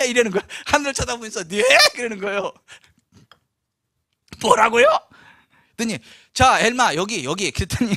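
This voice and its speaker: A pastor tells a story from the pulpit in a high, bright voice, acting out each person he quotes. He is animated and laughs often. The sound is close and dry. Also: no room sound. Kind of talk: storytelling sermon. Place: church.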